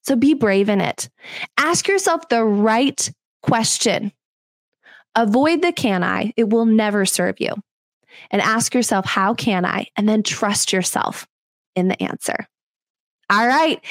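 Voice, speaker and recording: A woman's voice: fairly high pitch, no echo, clean studio sound. A woman hosting a solo podcast, talking earnestly and rhetorically, leaning hard on the words she stresses. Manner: earnest, rhetorical, with lots of emphasis. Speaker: podcast host. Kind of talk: reflective solo podcast talk.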